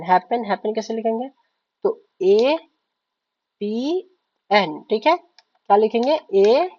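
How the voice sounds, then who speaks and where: A mid-pitched woman teaches shorthand step by step at a board, patiently spelling out letters and repeating words. She keeps asking "ठीक है?" as she goes. The recording is slightly muffled, dull and lo-fi.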